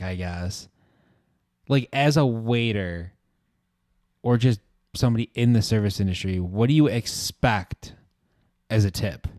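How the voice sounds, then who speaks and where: A young man in casual podcast banter, loose and slangy, full of "like" and "dude". His voice sits at an ordinary male pitch. The sound is dry and close to the mic. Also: darkish tone, dry recording. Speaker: podcast co-host. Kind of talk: casual chat.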